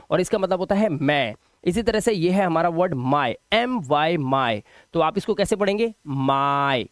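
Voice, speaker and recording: Male English teacher, high voice, patient explainer, dry close recording. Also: dry recording. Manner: explaining patiently, repeating words with check-ins. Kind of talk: spoken English lesson.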